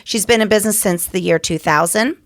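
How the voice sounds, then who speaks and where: A woman's voice: medium pitch, a little fast, dry recording, studio quality. A middle-aged woman co-hosting a podcast, chatting with enthusiasm. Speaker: podcast co-host. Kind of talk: casual chat.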